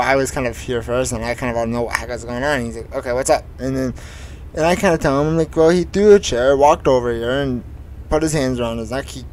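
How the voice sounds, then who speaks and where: A man's voice: medium pitch, a little hiss or hum, low-quality recording. A teenage boy casually telling a long school story while playing a truck driving game, rambling with many fillers and restarts. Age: teens. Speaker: gaming streamer.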